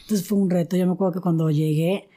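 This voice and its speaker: A woman's voice: fairly low pitch, fast, background noise. A woman, a podcast guest in her thirties, telling stories animatedly and acting out quoted voices. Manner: animated, acts out quoted voices, many fillers like "o sea". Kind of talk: casual interview storytelling.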